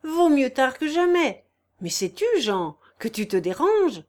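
A woman's voice: high-pitched, very animated, measured pace. A woman reading an exclamatory old master. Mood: fond scolding.

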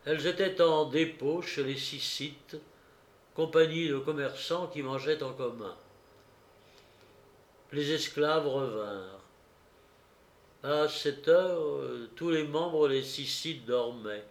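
A man reading a classic novel aloud in a slow, measured narration, lifting his voice for quoted shouts. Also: on the high side, roomy sound. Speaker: audiobook reader. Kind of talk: literary narration.

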